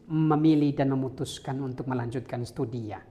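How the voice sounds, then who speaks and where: A priest hosting an interview, asking questions in a measured way. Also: male voice, mid-range voice, warm tone. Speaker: podcast host, priest.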